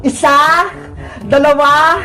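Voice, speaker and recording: A woman voicing a middle-aged mother in a comedy skit, fast and loud, scolding one moment and loving the next. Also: high-pitched, fairly even intonation, heavily acted. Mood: affectionate. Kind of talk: comedy skit role-play. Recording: echoey room with music behind.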